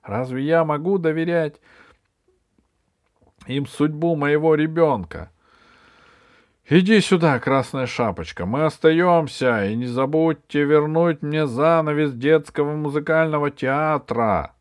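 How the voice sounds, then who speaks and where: A man reading a storybook aloud, voicing a protective, scolding old grandmother with a loud manner. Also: on the high side, a little slow, dry recording, studio quality, voice pushed up, lightly acted.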